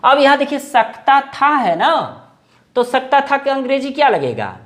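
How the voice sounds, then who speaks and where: A man in his forties teaching English grammar in Hindi as a lesson, repeating phrases and stretching out English words slowly. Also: very high voice, big pitch swings, a bit bright. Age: 40s.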